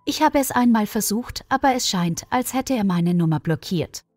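Woman reading as a young pregnant village girl, soft and earnest, steady but resolute, voice moves around a lot. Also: medium pitch, moderate pace, dry recording, faint music behind, close to an everyday voice. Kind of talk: storybook reading.

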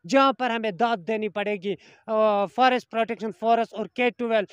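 A man in his thirties doing a news report outdoors with a handheld mic, in a forceful, accusing tone with formal officialese. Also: sits high, moderate pace, clean tone, no echo, highs cut off. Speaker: field reporter. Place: outdoors in a forest.

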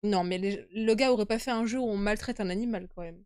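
A woman's voice: medium pitch, quick pace, darkish tone, smooth, no room sound, clean studio sound. A young woman streaming a horror game with casual live commentary, uneasy and easily scared, chatting to her viewers. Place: indoor room at home.

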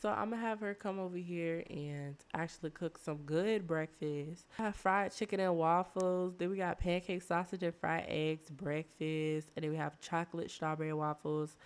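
A woman's voice: fairly low pitch, a little mellow. A woman with a sick voice, chatting casually as she plays a life-simulation game and playfully scolds her characters. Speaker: let's play host. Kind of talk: casual gameplay commentary.

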